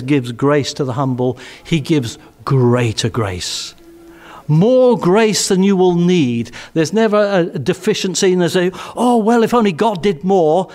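Older English man preaching earnestly. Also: a little high. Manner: earnest, emphatic, with many dropped soft phrases. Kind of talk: sermon. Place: church hall.

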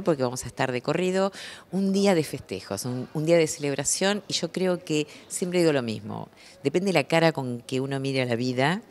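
A woman's voice: a bass voice, darkish tone. A woman interviewing guests at a beer festival with a handheld mic, talking in a chatty, enthusiastic way. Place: beer festival hall, indoors.

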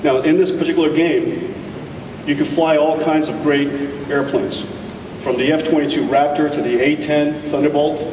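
A man giving an enthusiastic tech keynote on a conference stage, speaking deliberately with emphatic pauses. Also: a little high, level tone, far from the mic, background noise. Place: large conference hall stage. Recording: echoey hall taped from audience.

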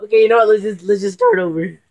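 A woman in casual, teasing banter over a card game, loud and quick to swear. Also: medium pitch, dull audio. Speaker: vlogger playing a card game.

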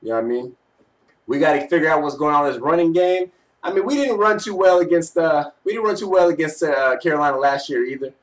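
A man's voice: a little high, quick pace. A young man giving casual, teasing postgame commentary in slangy speech, recorded on a webcam in a bedroom. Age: young adult. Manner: slangy, teasing trash talk. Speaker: sports fan vlogger. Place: small bedroom, indoors. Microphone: webcam at arm's length. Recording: home webcam, slightly distant mic.

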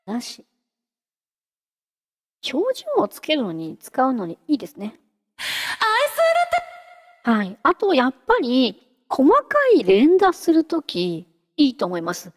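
Chatty high-voiced woman explaining software. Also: big pitch swings, takes it slowly, pauses often, in a large hall. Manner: chatty, giggly, talks while clicking through a demo. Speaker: VTuber host teaching singing-synth software. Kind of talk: casual software tutorial.

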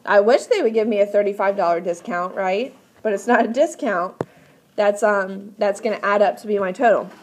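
Speaking at medium pitch and normal speed, with a slight hiss or hum in the recording, a woman leads a step-by-step math lesson. Her manner is patient and instructive, and she regularly asks questions to confirm understanding.

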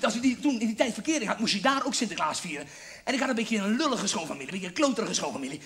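A man's voice: high voice, sing-song, very fast, a bit bright. A man telling a rambling, crude story as a stand-up comedian on a theatre stage before an audience. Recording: live show with audience laughter.

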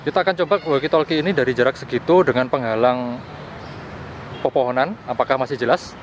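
This young adult gadget reviewer has a mid-range voice and speaks quickly. He strolls outdoors through plazas, parks and streets, casually describing a field test and going over the same points again. The audio comes from a camera at arm's length, with lots of outdoor noise around him.

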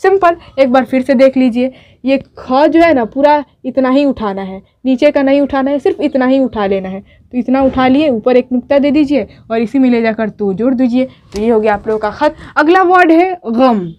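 A woman's voice: high voice, moderate pace, a little mellow, dull audio. A woman teaching how to write letters at a board, patiently repeating each step and checking in with her students. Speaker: Urdu teacher. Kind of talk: whiteboard writing lesson.

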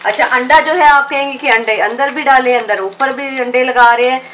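A woman's voice: sits high, brisk, a bit bright. Chatty woman teaching a home recipe. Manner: chatty, step-by-step, addresses viewers directly. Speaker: cooking channel host. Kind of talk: home cooking tutorial. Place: home kitchen. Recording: roomy kitchen echo, faint background noise. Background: oil frying in a pan.

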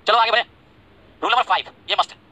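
A man's voice: high voice, fast, sharp tone. A man teaching an online grammar lesson, repeating each point and checking that students follow, with chatty, teasing asides.

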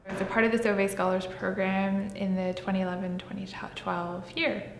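A woman's voice: little pitch movement, brisk. A woman in her thirties from Pakistan, answering interview questions in an earnest, fluent way. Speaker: program alumna, human rights worker. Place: indoor room with shuttered window. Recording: echoey hall-like room with faint rumble.

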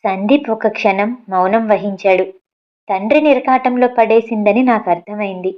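A woman narrating a first-person story for an audiobook channel in a calm, steady reading voice. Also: mid-range voice, moderate pace, highs cut off.

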